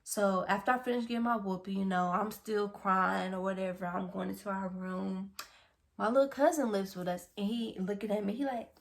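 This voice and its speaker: A young woman vlogger telling a personal story in a casual monologue, swinging between loud outbursts and hushed, half-whispered asides. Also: mid-range voice, steady tone, fairly quick, creaky.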